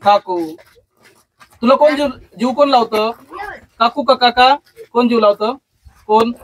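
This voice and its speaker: A woman's voice: on the high side, unhurried, no echo, poor audio. A woman coaxing a pet crow to speak, repeating single words in a sing-song, patient way. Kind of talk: coaxing talk to a pet bird.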